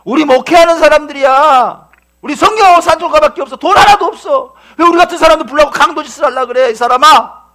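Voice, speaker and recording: A male preacher voicing an older pastor's wife who firmly scolds a robber in a loud, high voice. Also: fast talker. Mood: scolding.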